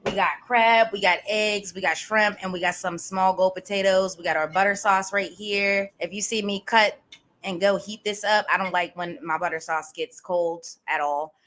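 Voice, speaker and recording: A woman hosting a mukbang, chatting casually and relaxed between bites while she eats. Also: medium pitch, normal speed. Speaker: mukbang host.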